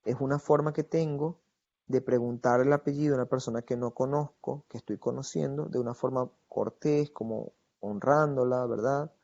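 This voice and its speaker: A man gives a recorded Mandarin grammar lesson. He explains patiently, keeps checking in with his students, and slows right down to model each Chinese phrase. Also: medium pitch, steady tone, gravelly, a little mellow, highs cut off. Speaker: Mandarin teacher.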